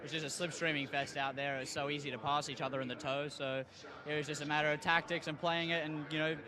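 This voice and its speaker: A young male racing driver talking in a relaxed way in a post-race interview. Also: a little high, fast, crowd noise. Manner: relaxed, laughs lightly.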